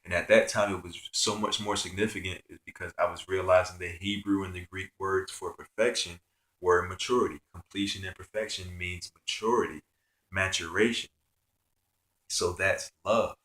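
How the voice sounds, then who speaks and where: A man's voice: low voice, steady tone, normal speed, a bit bright, echoey room. A man telling a personal spiritual story in an earnest, rambling way, with many fillers. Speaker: spiritual vlogger.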